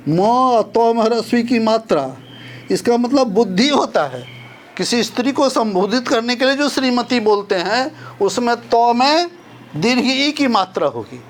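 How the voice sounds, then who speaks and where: An older man gives a careful spelling lesson in a high voice. He talks at an unhurried pace and repeats each example so it sinks in. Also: lively intonation, a little hiss or hum. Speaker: Hindi teacher.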